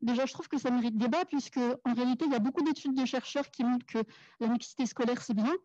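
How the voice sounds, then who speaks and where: Speaking up from the audience at a debate, an urban planner and activist from the Paris suburbs, France, argues her point earnestly and articulately. Her voice sits a little high, moves fast and sounds mellow, with no room sound. The setting is a small, crowded café room, captured in a dull, lo-fi event recording.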